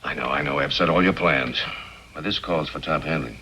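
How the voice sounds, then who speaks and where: An actor playing a brisk insurance company chief in a 1950s film, businesslike and urgent. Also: male voice, very deep voice, pushed and bright, a little hiss or hum, poor audio.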